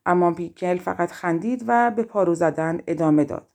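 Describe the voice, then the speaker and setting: A woman narrates a fairy-tale audiobook with calm, even storytelling. Her voice sits low and sounds warm and mellow.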